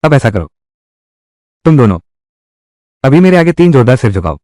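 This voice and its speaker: A man's voice: medium pitch, sing-song, moderate pace, warm tone, no echo, studio quality, close to an everyday voice. An actor dubbing an arrogant, spoiled rich young man who boasts and threatens in a drama dub. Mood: boastful.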